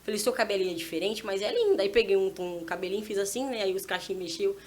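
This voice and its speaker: A woman in her thirties, a mother telling a lively personal story as a podcast guest and acting out her conversations with her small daughter. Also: medium pitch, quick pace. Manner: animated, acts out dialogue with her child. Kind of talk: casual storytelling testimony. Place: church podcast setting.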